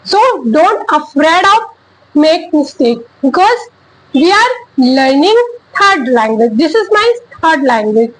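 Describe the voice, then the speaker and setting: A woman with an Indian accent, whose first language is Chhattisgarhi, talks casually to the camera about learning English. Her high-pitched voice swings widely in pitch as she speaks haltingly, searching for words in simple, encouraging sentences, and the recording is rough.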